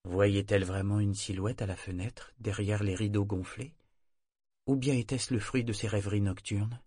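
A man narrating a novel in a measured, even storytelling manner. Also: fairly low pitch, slightly rough, dry recording, studio quality. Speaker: audiobook narrator.

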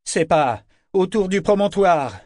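A man voicing a frightened young woman who shouts and pleads in a high-pitched voice. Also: steady tone, moderate pace, no echo, studio quality. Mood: frantic.

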